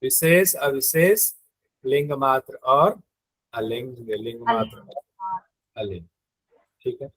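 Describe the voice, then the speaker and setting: A man's voice: mid-range voice, lively intonation, slow pace, pauses often, a bit bright, no echo, poor audio. A man teaching a live online yoga exam-prep class in speech, explaining step by step, repeating key terms and quizzing his students.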